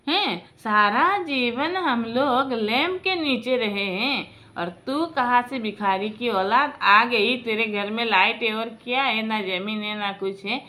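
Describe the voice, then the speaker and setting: A woman's voice: fairly high pitch, voice pushed up. A woman voicing a stingy, bullying old father-in-law who scolds and hurls insults in a storytelling video.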